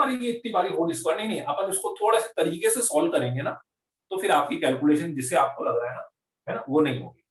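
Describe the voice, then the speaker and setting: A male maths teacher with a high voice explains slowly and repeats each step, often asking his students whether they follow. He speaks from a distance, and the room echoes around him. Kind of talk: online class lecture.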